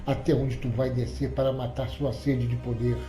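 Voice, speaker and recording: Brief: coarse commanding tough guy read by a male narrator, dark mellow voice, roomy echo. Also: mid-range voice, flat delivery, moderate pace, soft background music, lightly acted. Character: blunt domineering young man, tough enforcer. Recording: roomy echoey recording.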